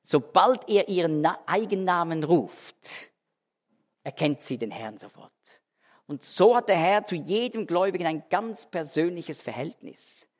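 A man teaching through a Bible passage as a preacher, swinging between emphatic raised phrases and hushed, slow endings. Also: fairly high pitch, lively intonation. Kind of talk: verse-by-verse Bible teaching sermon. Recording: long hall reverb.

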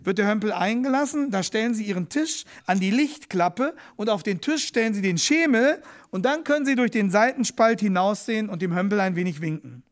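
A friendly middle-aged policeman, as a man puts him on, his voice sitting high for a man. He speaks plainly and confidingly, like someone letting a prisoner in on a quiet plan. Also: animated, a little fast, few pauses.

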